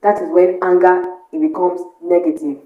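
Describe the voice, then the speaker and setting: A woman's voice: fairly low pitch, little pitch movement, normal speed, narrow, tinny audio. A woman hosting her own channel, giving earnest motivational advice to the viewer, asking rhetorical questions and repeating her key points. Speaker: motivational YouTube host. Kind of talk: motivational talk to camera. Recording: roomy echo.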